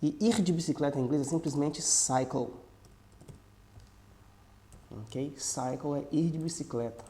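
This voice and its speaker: A man's voice: fairly high pitch, dark tone, a little hiss or hum. Man teaching English pronunciation. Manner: patient, repeats example sentences slowly. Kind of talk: explaining a language lesson.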